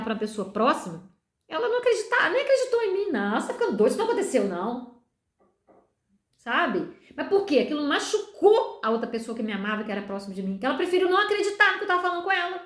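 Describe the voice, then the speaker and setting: A woman's voice: a little high, echoey room. A middle-aged Brazilian woman pastor giving a candid personal testimony in a conversational way, often checking in with her listeners. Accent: Brazilian Portuguese. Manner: candid, conversational, keeps asking "sabe?".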